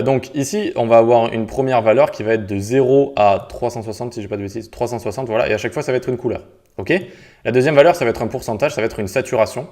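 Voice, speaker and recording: A man's voice: mid-range voice, a little mellow. A man walking viewers through a coding tutorial step by step, in a casual explaining manner with little sound words as he clicks. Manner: casual, explains step by step, peppers speech with 'tac' and 'hop'. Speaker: web development instructor. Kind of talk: screen-recorded coding tutorial.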